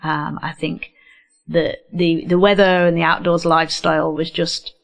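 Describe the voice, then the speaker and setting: A neurodiversity educator from England, this middle-aged woman is a guest on a radio interview, recorded with a studio mic. Her gravelly voice sits low with little pitch movement and a moderate pace, and she reflects candidly, hesitating often, in a slight English accent.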